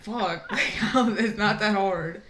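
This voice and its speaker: A man's voice: high-pitched, slow pace, bright, forceful tone. A young man co-hosting a podcast, recounting a story in a laid-back, joking way with casual swearing. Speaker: podcast co-host.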